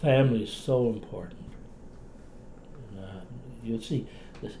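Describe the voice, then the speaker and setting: An elderly retired clinician and writer from Cape Breton, Canada, reminisces as an interviewee in a relaxed, talkative, folksy way, his voice medium-pitched, mellow, soft-edged and unhurried. He is recorded indoors at home in a roomy, echoing space with faint background noise.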